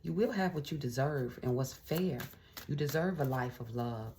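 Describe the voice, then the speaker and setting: A woman's voice: extremely low pitch, animated, normal speed, warm tone, slight background noise. A woman tarot reader giving a casual, encouraging reading straight to camera. She talks in a chatty way, often adding little check-ins and fillers, and keeps an uplifting spiritual tone. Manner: spiritual, uplifting pep-talk tone.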